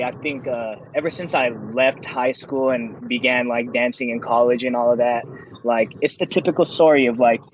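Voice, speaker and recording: A young man in his early twenties speaks in a relaxed, thoughtful way, often breaking into easy laughter. His voice sits at an ordinary middle pitch. A faint hiss of background noise runs under the recording. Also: rough recording. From California, USA. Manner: laid-back, reflective, laughs often. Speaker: guest, dancer. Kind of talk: casual interview chat.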